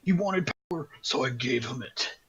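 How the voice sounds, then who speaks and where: A man putting on a sly evil wizard who has taken a god's power. He stays smug and falsely friendly, with threat underneath. His voice sits in an ordinary middle pitch. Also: expressive, moderate pace, a bit bright, husky. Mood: sinister. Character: sly evil wizard now a god, male.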